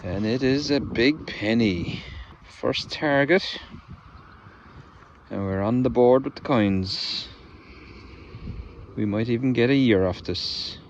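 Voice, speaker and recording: A man's voice: medium pitch, takes it slowly, pauses often, lo-fi sound. A middle-aged man chatting to viewers as he metal detects in a wet, windy farm field. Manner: chatty, talks to viewers while digging. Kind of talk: casual outdoor commentary. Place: open farm field in wind and rain.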